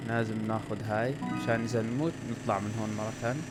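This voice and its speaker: Excitable Levantine Arabic gamer guy. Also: rapid-fire. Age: 20s. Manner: excitable, swinging between loud outbursts and low muttering. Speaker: gaming YouTuber. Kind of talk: let's-play commentary. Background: loud game music.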